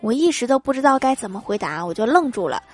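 A woman's voice: a little high, sing-song, fast talker, no echo. A woman hosting a comedy segment, reading funny everyday anecdotes and laughing at her own punchlines. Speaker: host.

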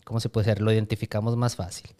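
A man's voice: fairly low pitch, little pitch movement, very fast, dark tone. A man co-hosting a podcast, talking casually and often repeating words as he searches for them. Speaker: podcast co-host. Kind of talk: casual chat.

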